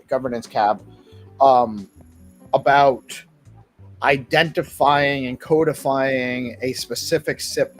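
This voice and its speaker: A man hosting a casual live community talk, emphatic and given to repeating his points. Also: medium pitch. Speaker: talk show host.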